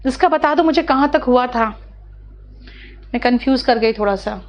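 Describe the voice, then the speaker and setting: A woman teaching English in a live online class, explaining in Hindi with English terms, fast and chatty, calling her students "beta" and repeating key words. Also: high voice, highs cut off.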